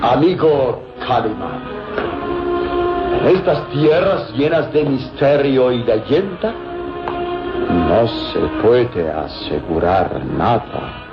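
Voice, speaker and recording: This adult man voices a sly German villain for a vintage radio serial, courteous yet smoothly deceitful, sounding suave, mysterious and animated. His medium-pitched delivery is theatrical, formal and insistent, punctuated by dramatic pauses. The lo-fi, band-limited radio recording carries loud background music.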